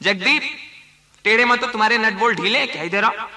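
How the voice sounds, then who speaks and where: A comedian running an audition as a bossy director, scolding and calling people forward. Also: male voice, sits high, brisk, bright, forceful tone, reverberant, low-quality recording. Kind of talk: comic sketch.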